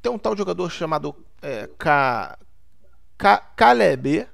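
A man's voice: high voice, big pitch swings, quick pace, gravelly, full character voice. A man co-hosting a comic sports chat, playing a clumsy pundit who stumbles and stammers over every name. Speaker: comedy show co-host.

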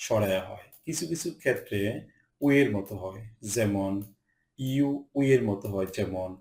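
Man, Bengali-language pronunciation lesson, deliberate, repeats each word, echoey room. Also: mid-range voice, darkish tone. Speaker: English pronunciation teacher. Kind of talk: recorded online lesson.

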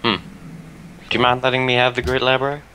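A man's voice: medium pitch, flat delivery, fast, pushed and bright, slight background noise. A young man chatting casually during an online multiplayer strategy game, joking, teasing and swearing while talking through a headset. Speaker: multiplayer gamer. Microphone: headset with earphones.

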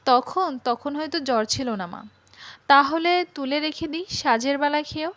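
A woman voicing a caring, quiet ten-year-old girl in a Bengali audio story, speaking gently and coaxingly. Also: high-pitched, measured pace, no room sound. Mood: worried.

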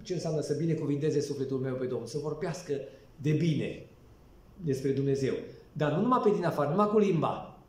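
A priest teaches about the liturgy, putting questions to his listeners and reading psalms aloud. His voice is high yet mellow. He is heard from a distance in an echoey room. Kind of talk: explaining the liturgy to a congregation.

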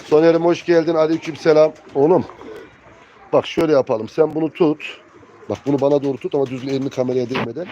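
This fast-talking man has a fairly high, dark-toned voice that stays steady as he runs a live bird auction stream. He chats casually with viewers like old friends, greeting them and showing birds. Cooing pigeons and other birds fill the background of a muffled, noisy recording.

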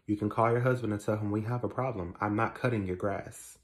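A man's voice: lowish voice, fairly even intonation, a little fast. A man acting in a comedy sketch, talking back sassily. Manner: sassy, talks back in character.

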